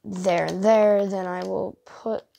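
A woman's voice: mid-range voice, steady tone, slow pace, gravelly, dark tone, a little hiss or hum. A tired woman hosting a casual let's-play, rambling and thinking aloud as she plays, often poking fun at herself. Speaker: gaming channel host.

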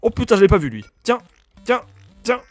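A young man with a cold, commenting loudly on his own gameplay, swearing and yelping when enemies attack. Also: very high voice, brisk, dry recording, soft background music. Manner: excitable, swears a lot, yelps at enemies. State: has a cold. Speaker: gaming YouTuber.

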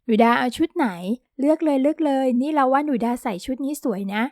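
A woman doing a loud, bubbly teenage girl. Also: high-pitched, fast talker, dry recording, clean studio sound, lightly acted. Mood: chatty. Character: chatty, excitable teenage girl, the shop's daughter.

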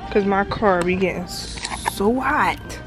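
A young woman vlogs from inside a big store with the camera held at arm's length. She takes her time, speaking in an unhurried, chatty way as she muses to herself over the shelves. Music plays clearly in the background. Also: mid-range voice. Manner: chatty, talks to herself while shopping. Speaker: vlogger. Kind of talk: casual vlog narration. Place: indoors in a large store. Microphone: handheld camera at arm's length.

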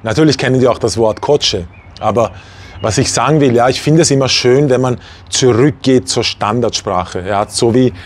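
A man in his forties from Vienna, speaking standard German without a regional accent, talking casually to camera as a language teacher, animated and full of fillers and asides. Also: mid-range voice, moderate pace. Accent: standard High German, no regional accent. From Vienna, Austria. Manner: animated, gestures a lot, many fillers and asides. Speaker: language teacher and channel host. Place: small room indoors.

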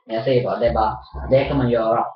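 A woman's voice: very deep voice, steady tone. A woman chatting casually while playing an online shooter with her sibling, rambling, cursing at the game and fussing protectively over the other player. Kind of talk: casual gaming chat. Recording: dull, roomy, off-mic home recording.

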